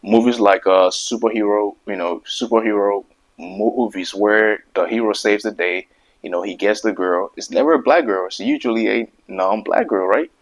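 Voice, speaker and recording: This video host talks to camera in a casual opinion monologue, his voice on the low side and his speed normal. He stumbles over words and repeats them, returning to the same emphatic points over and over.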